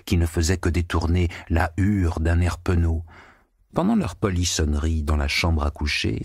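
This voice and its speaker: A man narrating an audiobook in a low voice, steady and measured. The recording is dry and close, with no room sound. He keeps an even storytelling tone. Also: creaky, no room sound. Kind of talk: scripted narration.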